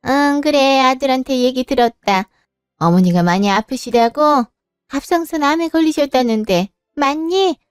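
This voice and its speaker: A woman playing a brisk, caring older mother-in-law in a spoken story, firm and scolding yet reassuring. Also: sits high, expressive, clean tone, no room sound, clean studio sound, faint music behind.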